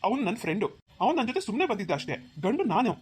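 A woman's voice: a little high, very animated, racing, a little mellow, husky, heavily acted. A woman voicing a stern, protective middle-aged father in a cartoon, firm and commanding. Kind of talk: cartoon voice acting.

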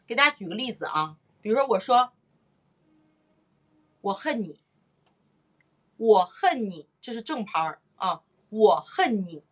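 Lively woman vocal teacher demonstrating rhythms. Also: medium pitch, measured pace, long pauses, slightly rough. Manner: lively, repeats phrases, sings and claps out rhythms. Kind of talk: live-streamed singing lesson.

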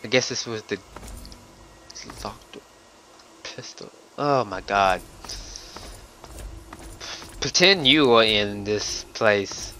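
A man's voice: on the low side, extremely slow, pauses often, pushed and bright, a little hiss or hum. A young man commenting on his gameplay, rambling, swearing and taunting enemies, hiccuping now and then. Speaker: let's play gamer.

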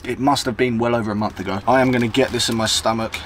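A man's voice: medium pitch, fairly even intonation, fast talker, a little hiss or hum. A young man, chatting casually as a vlogger while cooking in his camper van. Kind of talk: casual vlog chat.

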